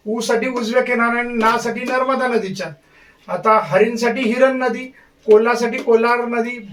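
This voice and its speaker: A man's voice: high-pitched, far from the mic. A man teaching an exam-prep lesson, repeating key points and drilling memory tricks.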